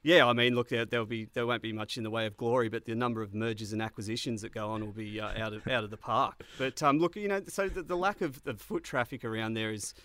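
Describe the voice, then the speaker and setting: A man with a broad Australian accent co-hosting a comedy podcast in casual satirical banter, blokey and sweary, rambling haltingly toward his point. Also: mid-range voice, fairly even intonation, bright, forceful tone, no room sound. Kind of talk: casual satirical banter about sports news.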